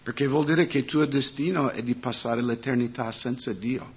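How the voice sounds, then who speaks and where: A man's voice: medium pitch, steady tone, moderate pace, breathy edge. A man preaching as a pastor, speaking to his congregation and often asking them questions. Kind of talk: sermon. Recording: dull muffled sound.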